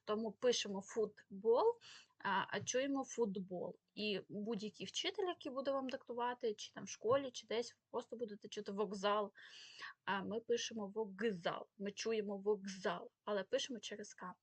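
A woman's voice: a little high, fast talker, breathy edge, dry recording. A woman giving a spelling lesson, explaining rules and carefully stressing the example words. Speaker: language teacher.

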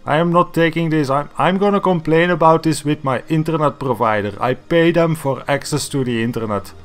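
A sarcastic, exasperated man rants through a comedy video, swearing freely. His voice sits a little higher than most men's. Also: a little fast, soft background music. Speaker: YouTuber. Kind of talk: comedic rant.

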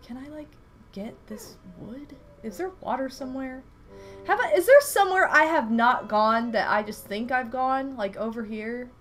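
Her nose still blocked from a recent flu, a young woman plays a game on a livestream from her home. She speaks at a normal pace in a high voice, chatting casually, reacting with lively exclamations, while soft music plays in the background.

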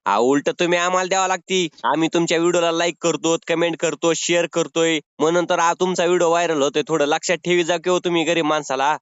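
A man makes a prank phone call, bantering in an insistent, wheedling, mock-pleading way that sounds unscripted. His voice is a little high and steady, clear and resonant, and he talks fast with hardly any pauses. The dull lo-fi phone recording has no room sound.

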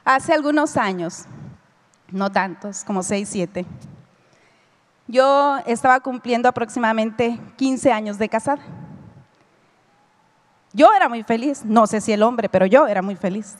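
A middle-aged woman with a high voice gives a talk to an audience, speaking to them directly as she tells a personal story. Her voice rings out with a long reverb, as in a big hall. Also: a little slow, pauses often. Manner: storytelling, addresses listeners directly, acts out quoted dialogue. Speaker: lecturer giving a personal testimony. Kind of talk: spoken lecture to an audience.

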